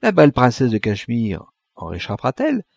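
A man's voice: medium pitch, wildly swooping pitch, brisk, creaky, darkish tone, no echo, heavily acted. A man reading an audiobook, voicing a young dying man who asks pleading, indignant questions. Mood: frantic.

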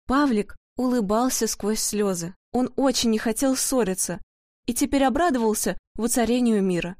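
A woman narrating a children's storybook in a lively, expressive way. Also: fairly high pitch, normal speed, no echo, clean studio sound.

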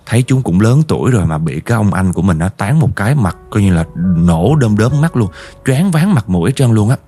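A man's voice: fairly low pitch, sing-song, a little fast, warm tone. A man with a Southern Vietnamese accent narrating a ghost story vividly, speaking directly to his listeners. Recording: faint background music.

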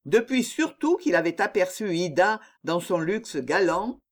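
An audiobook reader narrating a classic novel in a measured, deliberate manner. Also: mid-range voice, expressive.

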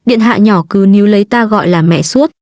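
Storybook role: woman reading a gentle, composed young nobleman, soft and soothing. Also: medium pitch, brisk, no echo, studio quality, close to an everyday voice.

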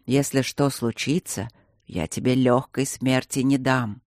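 A man voicing an enraged male castle commandant who growls his lines in a slow, heavy, hoarse voice. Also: mid-range voice, steady tone, no room sound, studio quality, pitched below the performer's own voice, lightly acted. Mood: grim fury.

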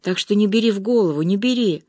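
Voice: medium pitch, fast, dark tone, dry recording, studio quality, natural voice. A reader voicing a loyal young woman who pleads with and consoles a weeping friend in an audiobook. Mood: consoling. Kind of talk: audiobook reading.

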